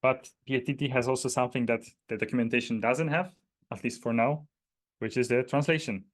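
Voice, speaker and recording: A Polish man with a Polish accent presents an informal technical walkthrough demonstrating a data dictionary, explaining things hesitantly. His mid-range voice stays fairly even in intonation, moving at a slightly fast pace.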